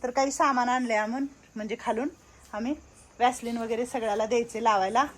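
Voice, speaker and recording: A woman's voice: on the high side, quick pace. A woman running an old-age home, chatting and coaxing residents as she hands out things. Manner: lively, coaxing elders, calls out loudly. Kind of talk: casual vlog chat.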